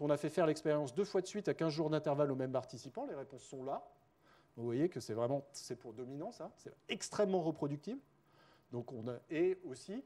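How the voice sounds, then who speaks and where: Man, researcher lecturing, slightly high pitch, warm mellow tone, chatty with fillers and wry asides. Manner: chatty, with many "euh" and "hein" fillers and self-corrections. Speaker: cognitive science researcher giving a lecture. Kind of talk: spontaneous conference lecture.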